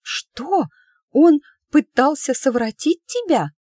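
A woman's voice: medium pitch, animated, normal speed, a little mellow, no echo, studio quality, natural voice. A woman reading an audiobook, voicing a flustered, giggly young woman who exclaims in a rising voice. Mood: indignant. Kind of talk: audiobook character voice.

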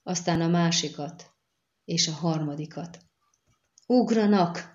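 A woman narrates a fantasy novel in a measured storytelling manner with a low voice. The recording sounds dull and lo-fi, with the top end missing. It is a steady audiobook reading.

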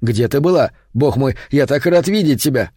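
A man's voice: medium pitch, lively intonation, normal speed, husky, no room sound, clean studio sound. A man voicing a frightened young man who cries out in fear. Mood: anxious. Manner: frantic, shouting in fear. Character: terrified young man in love.

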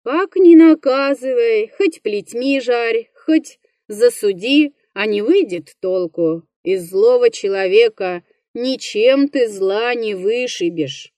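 A woman's voice: fairly high pitch, animated, slow, hardly any pauses, a little mellow, no room sound, studio quality. A woman voicing a fearful, plaintive old forester. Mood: grumbling. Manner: plaintive, wailing, frightened.

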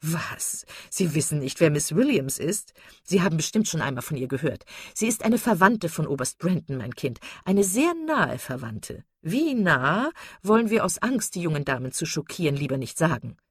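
A woman's voice: deep voice, big pitch swings, moderate pace, husky, no room sound, clean studio sound, heavily acted. A woman voicing a gossipy, prying older woman in a read-aloud novel, eager and nosy.

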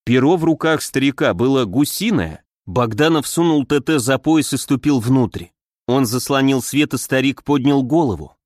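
Male audiobook narrator, steady reading, dry studio sound. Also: medium pitch, moderate pace, no room sound. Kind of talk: scripted narration.

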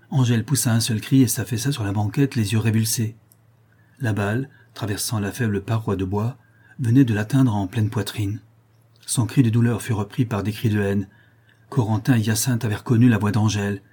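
A man narrating a historical novel at a measured, even storytelling pace. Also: fairly low pitch, slightly rough. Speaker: audiobook narrator.

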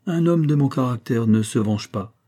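A man reading the part of a calm, stern older male village priest who reproves quietly, in an audiobook. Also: medium pitch, normal speed, natural voice. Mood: measured.

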